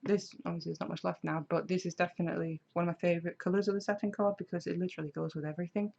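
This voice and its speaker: A woman's voice: lowish voice, fairly even intonation, rapid-fire, gravelly, warm tone, slight background noise. A woman, chatting casually on a craft live stream and answering viewer comments. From Denmark. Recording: slightly dull lo-fi sound.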